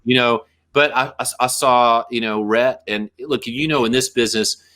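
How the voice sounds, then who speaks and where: A middle-aged man chats as a musician guest in a casual interview. He rambles and restarts his sentences, riffs freely and jokes easily. His talk stays loose and animated. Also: mid-range voice, moderate pace. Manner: rambling, animated, jokey riffing.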